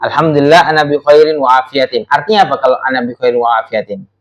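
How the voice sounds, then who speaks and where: A man's voice: medium pitch, fast talker, a little hiss or hum, low-quality recording. A man teaching an Arabic lesson to children, patient and coaxing, often repeating words and phrases for them.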